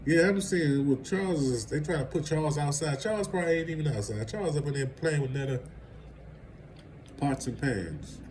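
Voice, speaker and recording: A man's voice: a little high, normal speed, darkish tone, slight background noise, rough recording. Rambling man chatting about gossip. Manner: rambling and conversational, laughs at his own asides. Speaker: vlogger. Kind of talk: casual celebrity gossip commentary.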